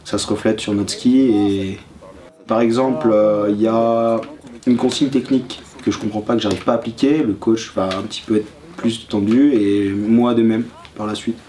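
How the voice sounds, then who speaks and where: A young man from the Paris region, a ski instructor trainee, speaking calmly in a documentary interview. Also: fairly low pitch, normal speed.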